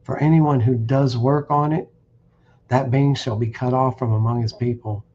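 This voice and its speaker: A man's voice: mid-range voice, fairly even intonation, normal speed, warm tone, lo-fi sound, a little hiss or hum. A man preaching bluntly on a stream, warning listeners and reading verses aloud with restarts. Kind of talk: streamed scripture teaching. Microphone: streaming setup.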